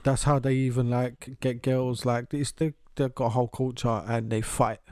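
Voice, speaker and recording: Male co-host, mellow tone, animated anecdotal delivery, dry close mic. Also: medium pitch, moderate pace, clear, resonant tone, no room sound. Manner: animated storytelling, swears freely, laughs often. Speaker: podcast co-host. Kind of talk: casual uncensored chat.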